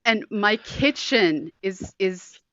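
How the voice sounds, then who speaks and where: A woman co-hosting a podcast, chatty and self-deprecating, quick to laugh at herself. Her voice is bright and forward. It comes through tinny, low-quality audio from a makeshift mic, dull and completely dry with no room sound. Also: animated, dry recording. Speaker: podcast co-host, scientist. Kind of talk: casual chat.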